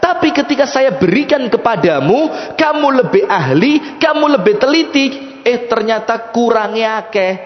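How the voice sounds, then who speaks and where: A man's voice: on the high side, takes it slowly. A man voicing a distressed, pious male weaver who pleads earnestly. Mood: pleading. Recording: echoey hall, dull sound.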